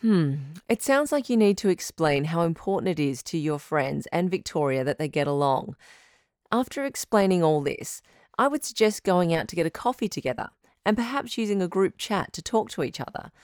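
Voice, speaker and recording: A woman voicing a smooth radio host who runs a call-in advice show in a radio drama, steady and reassuring. Her voice sits fairly low, and she is recorded close and dry with no room sound. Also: normal speed, dry recording. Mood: calm, advising.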